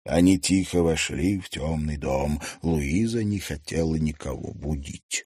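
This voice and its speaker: A man reading an audiobook, narrating in a lowered, hushed voice. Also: unhurried, slightly rough, no room sound, clean studio sound. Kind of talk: scripted narration.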